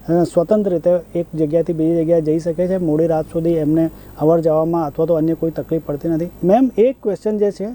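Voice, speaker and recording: A man hosts a news discussion. He puts questions to his guest and the viewers in a formal, polite way. His voice is high yet very mellow and dark in tone. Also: rough recording. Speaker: show host.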